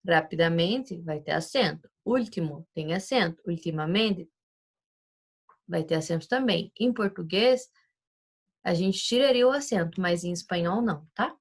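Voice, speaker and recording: Woman, Spanish teacher, recorded lesson, patient explanations, frequent check-ins, gravelly fry in the voice. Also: lowish voice, animated, a little slow. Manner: explains patiently, checks understanding with tag questions.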